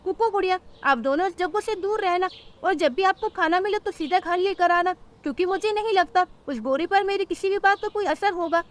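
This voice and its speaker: A woman's voice: extremely high pitch, fairly quick, voice pushed up. A woman voicing a kind, earnest mother sparrow in a cartoon who speaks in a pleading way.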